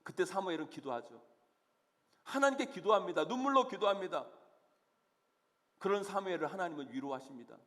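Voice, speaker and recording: Male pastor, high voice, earnest sermon, church hall reverb. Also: expressive, fairly quick, pauses often, a bit bright. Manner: earnest, emphatic preaching with rhetorical questions. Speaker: senior pastor. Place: church sanctuary.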